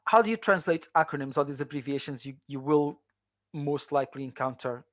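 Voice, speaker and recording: Man, translation tutor, seminar lecture, conversational with fillers, slightly high voice, dry close sound. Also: a little fast, fairly bright tone, no echo. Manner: conversational, many fillers and restarts.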